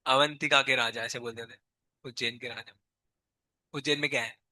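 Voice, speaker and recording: Sharp-voiced hoarse male teacher. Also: mid-range voice, fairly even intonation, moderate pace, no echo. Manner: quizzes and scolds students, calls them child. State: sore, strained throat. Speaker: chemistry teacher. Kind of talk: live classroom lecture.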